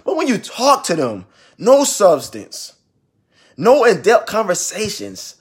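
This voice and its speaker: Young male ministry vlogger, husky and animated, emphatic repeater. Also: high-pitched, slow pace. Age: 20s. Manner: emphatic, repeats phrases for stress. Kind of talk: preachy casual monologue.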